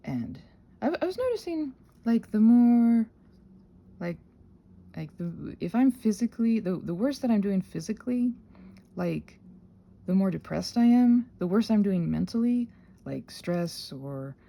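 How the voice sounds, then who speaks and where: A woman with a medium-pitched, gravelly, warm voice speaks a little slowly yet very animatedly as the solo host of a rambling audio channel. Unscripted, scattered and self-deprecating, she often trails off and sounds tired and congested from a sinus infection.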